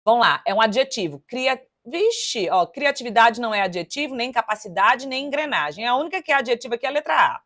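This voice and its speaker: A woman teaches grammar for a public exam. Her voice sits fairly high, and she talks in a lively, chatty way, counting syllables aloud and speaking straight to her students. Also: fast, few pauses. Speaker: Portuguese teacher. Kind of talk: exam-prep lesson, solving test questions aloud.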